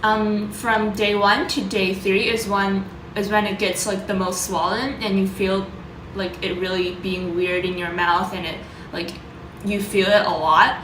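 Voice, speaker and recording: A woman vlogger talking informally about her own experience, loosely worded and pausing to search for words. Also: medium pitch, little pitch movement, reverberant, background noise. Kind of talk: casual vlog talk, sharing personal experience and tips.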